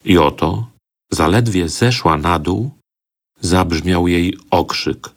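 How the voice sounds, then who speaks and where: A man narrating a folk tale for an audiobook in a measured, solemn storytelling manner. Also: deep voice.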